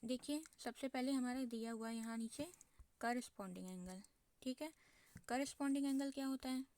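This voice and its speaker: A woman's voice: high-pitched, normal speed, darkish tone. A woman teaching a maths lesson, asking herself questions and answering them, often checking in with her class. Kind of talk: explaining a lesson at a board.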